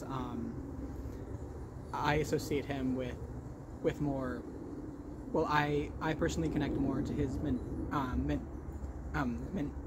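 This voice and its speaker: In a laid-back, podcast-style chat about his crochet projects, a higher-voiced male vlog host speaks haltingly. His stutter brings repeated sounds and blocks, he often corrects himself, and there's noise in the background.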